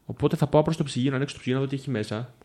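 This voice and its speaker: Guy with a gravelly voice, curious, thinking out loud while playing a mystery game. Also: medium pitch. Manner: curious, thinking aloud with questions. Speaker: player guest.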